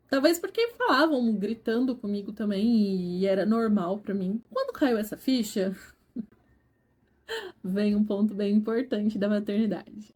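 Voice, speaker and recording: Earnest Brazilian woman vlogger, mellow tone. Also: on the high side. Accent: Brazilian Portuguese. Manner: earnest, candid, talks straight to viewers. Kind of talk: personal storytelling to camera.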